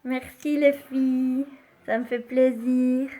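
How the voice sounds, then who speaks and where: A woman hosting a live makeup demonstration, chatty and unhurried, filling pauses with little interjections and dropping to soft asides while she works. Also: high voice, little pitch movement. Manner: chatty, unhurried, full of fillers like "hein" and "hop". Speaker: makeup live-stream host.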